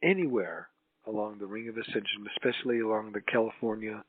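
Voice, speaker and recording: A man leading a guided healing meditation as a spiritual channel, in a solemn, mystical healer manner with drawn-out, halting phrases. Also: on the low side, fairly even intonation. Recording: roomy, tinny phone-like line.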